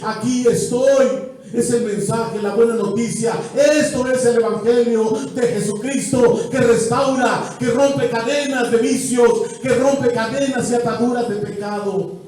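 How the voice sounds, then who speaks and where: Speaking in an extremely high voice, a Mexican pastor delivers an evangelistic sermon in rhythmic waves, swelling through repeated phrases and sinking back to quiet passages. He's recorded from a distance in a church hall full of echo.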